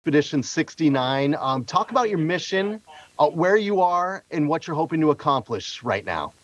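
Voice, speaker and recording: A man's voice: fairly high pitch, big pitch swings, moderate pace, dry recording. A man working as a TV interviewer, asking questions conversationally over a remote link. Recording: slightly dull remote link.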